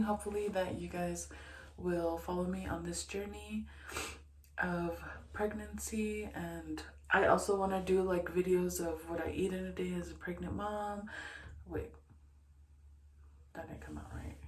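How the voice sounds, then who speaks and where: A woman's voice: fairly low pitch, steady tone, moderate pace. A young woman, short of breath, chatting casually to camera in a rambling way, full of fillers and restarts. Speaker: vlogger. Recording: echoey room.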